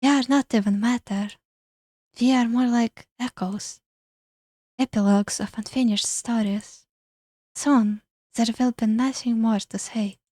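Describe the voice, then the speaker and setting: A woman voicing a gloomy, melancholy female vampire ghost from a dating game, speaking in a slow, airy, eerie way. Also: a little high, steady tone, mellow, no echo, studio quality. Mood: mournful. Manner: slow, solemn, philosophical. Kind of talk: reading a game character aloud.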